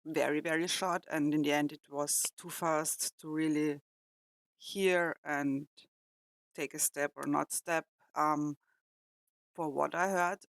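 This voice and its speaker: An Austrian woman whose first language is German, speaking with an Austrian German accent, hosts a reaction video with casual, reflective commentary, talking haltingly and pausing to find words. Her deep voice is steady and creaky, and the recording is dry.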